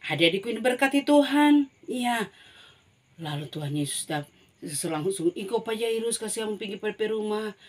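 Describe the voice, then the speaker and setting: A woman telling a Bible story to children in an animated way, often calling out to them as she goes. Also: medium pitch, normal speed. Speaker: Sunday school teacher.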